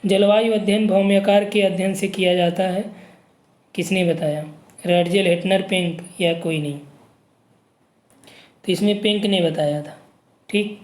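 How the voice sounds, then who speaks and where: A man's voice: high-pitched, fairly even intonation, measured pace, pauses often, echoey room. A man teaching an exam-prep geography lesson, reading questions and options aloud and checking in with students. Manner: reads options aloud, frequent "ठीक" checks.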